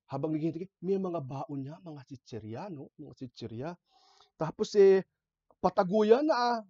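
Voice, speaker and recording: Animated man telling stories. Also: fairly high pitch, no room sound, lo-fi sound. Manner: conversational, animated storytelling with frequent "no?" and "okay?" asides. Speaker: lay speaker. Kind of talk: inspirational talk with personal stories.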